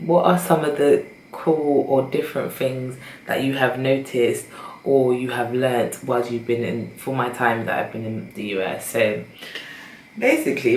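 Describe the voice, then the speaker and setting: A young British woman vlogger chats casually and rambles to her camera in an extremely low, darkish voice at a measured pace. The room is echoey, with faint noise.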